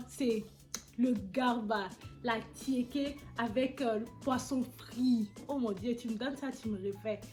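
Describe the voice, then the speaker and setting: A young vlogger from Côte d'Ivoire, speaking with an Ivorian accent, chats casually and animatedly as she answers questions about her roots. Her voice sits fairly high, faint music plays underneath, and she comes across as lively and quick to tease.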